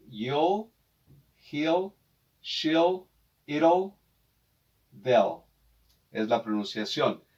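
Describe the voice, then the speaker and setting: A man gives a beginner English lesson at a very slow, careful pace. He repeats each phrase for pronunciation and addresses the listener with polite formality. His voice sits at an ordinary pitch and comes from a little distance from the microphone. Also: lo-fi sound. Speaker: English teacher.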